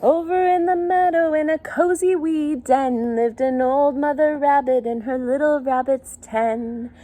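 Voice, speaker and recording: Reading a picture book aloud to young kids, this woman speaks in a sing-song way, asking little questions and keeping her phrasing simple. She's a circle time teacher and story reader whose high voice stays steady and dark in tone, moving a little slowly.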